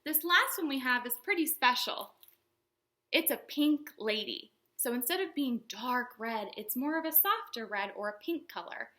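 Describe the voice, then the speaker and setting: A children's librarian leads storytime for little kids in a high voice that rises and falls widely, with bright, forward tone and lively intonation. At a moderate pace, she explains things simply in a sing-song way and keeps asking her young viewers questions.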